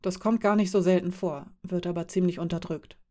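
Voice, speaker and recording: A woman reading the lines of a calm, friendly man who is part elf and part dwarf, explaining things with quiet amusement. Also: fairly low pitch, a little fast, close to an everyday voice.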